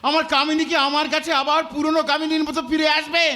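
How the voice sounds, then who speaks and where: A man's voice: very high-pitched, completely flat delivery, fast, sharp tone. A man playing a nervous, henpecked husband in a folk stage comedy. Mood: anxious. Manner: fretful, comic.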